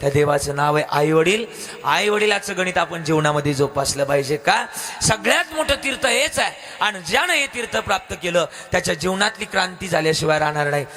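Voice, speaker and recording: A man's voice: a little high, lively intonation, fairly quick, a bit bright, big-room sound. A man with a Marathi accent preaching a devotional kirtan, telling a story, questioning the crowd and breaking into sung lines.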